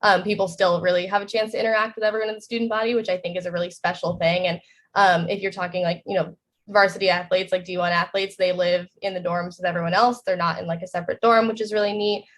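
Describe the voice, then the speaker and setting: A young woman student speaks at a brisk clip in a slightly low voice. She rambles enthusiastically on a panel and leans on fillers. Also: level tone, fairly bright tone. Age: young adult. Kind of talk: casual panel chat.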